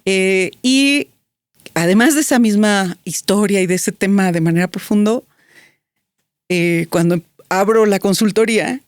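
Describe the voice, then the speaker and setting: A woman's voice: mid-range voice, a little slow, no echo, clean studio sound. A woman, a guest telling a personal story in an interview, reflective, with many fillers and restarts. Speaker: guest, business strategist.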